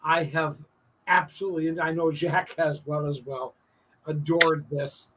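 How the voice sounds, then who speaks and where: A man's voice: fairly high pitch, fairly even intonation, measured pace, recorded from a distance, noisy background. A man in his fifties hosting an online talk show, speaking in an effusive, heartfelt way and repeating himself for emphasis. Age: 50s. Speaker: show host. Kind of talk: emotional casual chat.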